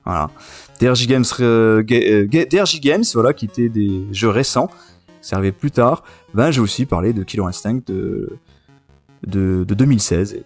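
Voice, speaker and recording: A man in his thirties with a mid-range, somewhat dark voice hosts a casual podcast or web radio chat. He reminisces about retro gaming with real enthusiasm and tends to repeat himself.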